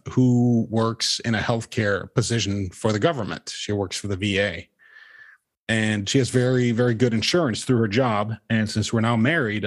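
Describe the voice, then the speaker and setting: A young man from Norway, co-hosting a podcast in casual, earnest chat. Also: fairly low pitch. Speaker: podcast co-host.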